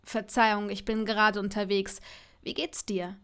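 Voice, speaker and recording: A woman voicing a young man in an audiobook, a teasing, laid-back charmer who speaks low and relaxed. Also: normal speed, smooth, close to an everyday voice. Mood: easygoing.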